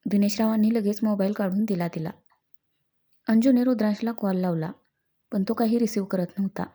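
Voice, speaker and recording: A woman's voice: medium pitch, steady tone, brisk, warm tone. A woman reading a story aloud as narrator, shifting her tone a little for the dialogue.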